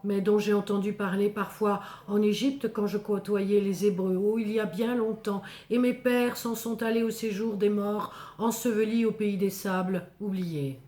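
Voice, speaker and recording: A woman's voice: mid-range voice, steady tone, warm tone, lightly acted. A woman voicing Moses, a humble, fearful shepherd, in intense, theatrical first-person biblical storytelling. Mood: terrified. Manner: theatrical, intense, measured short phrases. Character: Moses, terrified humble male shepherd telling his encounter. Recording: echoing, reverberant voice recording.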